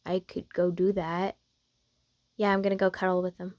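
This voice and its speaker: Woman voicing Kenma, hushed sleepy teasing boyfriend. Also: on the low side, little pitch movement, dry recording, clean studio sound, close to an everyday voice. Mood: soft, caring. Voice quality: hushed, breathy, often half-whispered. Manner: slow, intimate, teasing murmur.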